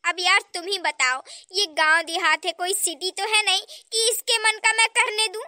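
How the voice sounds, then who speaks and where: A whiny, melodramatic cartoon mother-in-law from the village, voiced by a woman. She talks in a very high, sharp, bright tone, and the recording is close and dry with no room sound. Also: steady tone, moderate pace, no room sound, full character voice. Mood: aggrieved. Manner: self-pitying, complaining, melodramatic. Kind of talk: cartoon voice acting.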